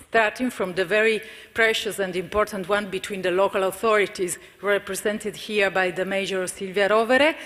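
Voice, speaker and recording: A woman's voice: medium pitch, a bit bright. A woman giving a conference presentation for her community cooperative, hesitant with fillers and restarts. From Italy. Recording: reverberant conference hall.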